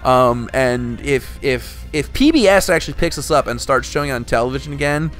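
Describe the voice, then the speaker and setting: A man's voice: mid-range voice, expressive, brisk, a bit bright, faint music behind. A young man hosting a casual podcast, talking in rambling, restart-heavy stretches with some swearing. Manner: rambling, full of restarts and profanity. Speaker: podcast host.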